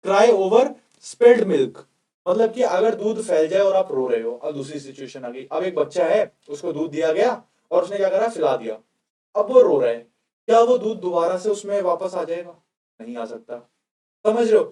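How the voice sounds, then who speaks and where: A man's voice: sits high, sing-song, moderate pace, dark tone, roomy sound, distant mic. A male coaching teacher giving a casual classroom vocabulary lecture. He keeps asking his students questions as he explains.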